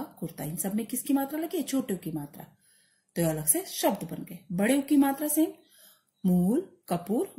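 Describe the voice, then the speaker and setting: A woman's voice: fairly high pitch, mellow. A middle-aged woman teacher giving a grammar lesson, reading out letters one at a time and asking questions she then answers herself. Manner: drills letters one by one, asks and answers her own questions. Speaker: school teacher.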